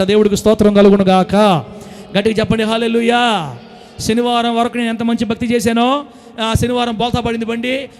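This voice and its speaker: Male pastor, high voice, preaching, loud then soft, scolding and coaxing. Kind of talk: sermon.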